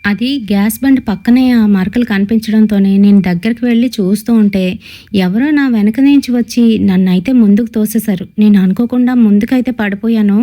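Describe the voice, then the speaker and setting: Woman telling a ghost story, mellow voice. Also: medium pitch, brisk. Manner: steady storytelling with quoted dialogue. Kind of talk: first-person horror story narration.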